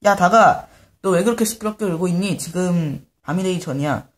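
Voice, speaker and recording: A man's voice: high voice, fairly quick, natural voice. A man voicing an eager, friendly male donkey in a storybook reading.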